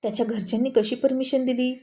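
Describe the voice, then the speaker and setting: An older father speaks with gentle, reassuring amusement. A woman storyteller plays him. The voice is mellow and fairly high. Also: steady tone, fast talker, close to an everyday voice. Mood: amused.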